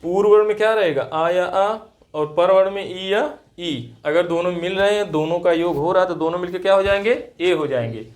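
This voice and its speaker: A man's voice: high voice, a little fast. A man teaching Hindi grammar in class, asking questions and checking understanding with short "right?" prompts after each point. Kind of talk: classroom lesson with call-and-response.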